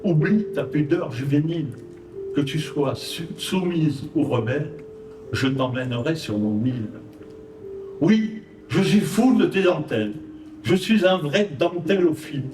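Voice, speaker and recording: A man with a Provençal accent recites his verse on stage, each line measured and rhythmic. His speech is unhurried and his voice sits a little high. A zither plays clearly behind him, and the recording is roomy and picked up from a distance. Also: animated, music in the background. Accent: Provençal French. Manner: measured, rhythmic verse delivery with brief spoken introductions. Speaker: poet. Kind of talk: live poetry recital. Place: stage at an art exhibition. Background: zither accompaniment.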